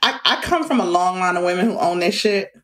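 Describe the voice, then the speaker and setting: A middle-aged woman with a fairly low voice tells lively stories from her life. She laughs often and talks in a loose, conversational way as an interview guest. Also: brisk. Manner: laughs often, animated anecdotes. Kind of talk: conversational storytelling.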